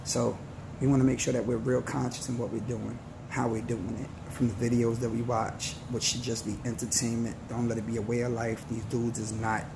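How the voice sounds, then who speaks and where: A man in his forties gives an earnest, slangy motivational talk, leaning on scripture and street talk as he goes. His voice is gravelly and sits at an ordinary pitch. The recording has a clear layer of background noise behind him. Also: little pitch movement. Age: 40s. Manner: earnest, preachy, slangy and slow. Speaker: vlogger.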